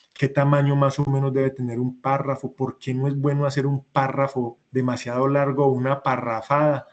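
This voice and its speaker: A man's voice: mid-range voice, a little mellow. A man, an instructor giving an online class lecture, explaining step by step and repeating points with examples.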